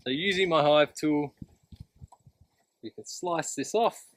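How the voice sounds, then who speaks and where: A man's voice: a little high, takes it slowly. A man instructing in a practical, plain-spoken way, explaining a hands-on demonstration step by step while outdoors. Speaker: beekeeping instructor. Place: outdoors beside beehives.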